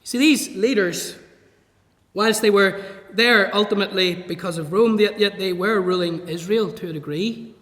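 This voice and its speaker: Male preacher, high and bright voice, expository sermon, reverberant church. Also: moderate pace. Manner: expository, reads scripture aloud and explains it. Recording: echoey church hall.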